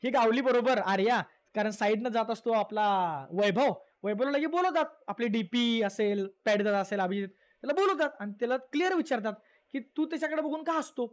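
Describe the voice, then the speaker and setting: A woman's voice: on the high side, lively intonation, brisk. A woman recapping a reality show for viewers in a chatty, scolding way, full of repeated words and rhetorical questions.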